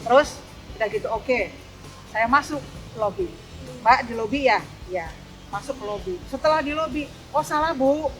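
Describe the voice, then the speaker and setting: A woman's voice: high voice, normal speed, faint music behind. An older woman, an online taxi driver, telling a story in a casual interview and acting out both sides of each exchange. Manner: animated, acts out both sides of dialogues.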